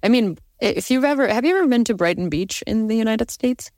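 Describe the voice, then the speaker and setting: A young woman from Ukraine hosting a casual interview conversation, animated and quick to laugh. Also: dry recording, studio quality. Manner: animated, laughs often, rising pitch when excited. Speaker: host.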